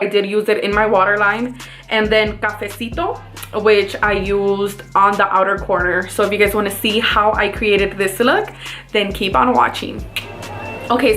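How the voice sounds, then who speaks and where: A woman's voice: mid-range voice, fairly bright tone. A woman with a Mexican accent, chatting casually through a makeup tutorial as a beauty vlogger and talking viewers through each step.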